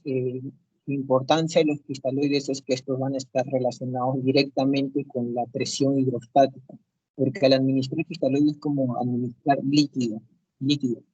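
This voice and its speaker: Brief: male student presenter, husky voice, halting delivery full of fillers, dull dry call audio. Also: medium pitch, darkish tone, no room sound. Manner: hesitant, many filler sounds and restarts. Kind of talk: class presentation over video call.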